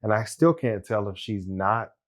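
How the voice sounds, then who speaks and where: A man's voice: lowish voice, lively intonation, moderate pace. A man co-hosting a show reaction, talking in a casual, musing, questioning way.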